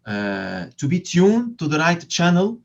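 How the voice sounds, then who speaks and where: Halting non-native English-speaking man, dull compressed audio. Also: fairly high pitch, wildly swooping pitch, creaky. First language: not English. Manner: halting, searching for words with repeated phrases. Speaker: interview guest explaining his field. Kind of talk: explanatory interview answers.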